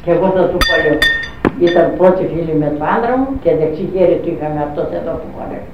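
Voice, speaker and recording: A woman's voice: on the low side, a little hiss or hum. An older woman recounting memories, acting out quoted dialogue with constant "she says, I say" tags. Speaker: interviewee recalling her youth. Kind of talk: oral history storytelling. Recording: echoey, distant, dull lo-fi recording.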